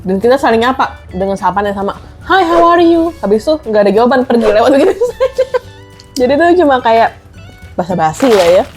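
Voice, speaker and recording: A woman from Indonesia chatting casually over a meal, lively and quick to laugh, slipping English phrases into her talk. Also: fairly high pitch, faint music behind. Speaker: co-host.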